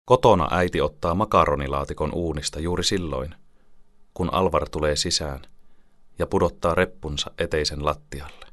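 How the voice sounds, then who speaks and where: A man narrating a children's story calmly as an audiobook reader. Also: rumbling low, dry recording, studio quality.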